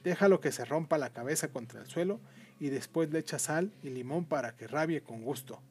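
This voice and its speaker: A man's voice: on the high side, fairly quick, breathy edge. Man reading a burly rich man, stern, barks raised commands, storybook. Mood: harsh.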